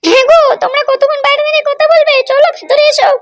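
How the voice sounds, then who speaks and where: A woman voicing a sweet, plaintive young wife in a cartoon, squeaky and complaining. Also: little pitch movement, rapid-fire, dry recording, clean studio sound.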